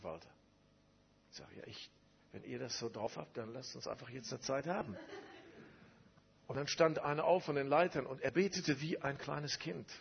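Guy preaching, very husky voice, keeps repeating lines for effect, kinda muffled recording. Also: mid-range voice. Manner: emphatic storytelling with repeated phrases. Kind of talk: sermon with personal testimony.

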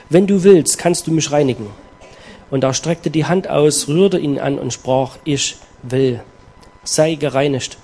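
A man preaching a sermon, reading scripture aloud and explaining it with earnest emphasis and dramatic pauses. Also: a little high, vocal fry, darkish tone, husky.

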